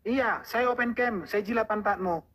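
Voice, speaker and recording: A man's voice: high voice, moderate pace, a bit bright. A man hosting a heated live debate, taunting and insulting his opponent in a mocking, combative way. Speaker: live stream host.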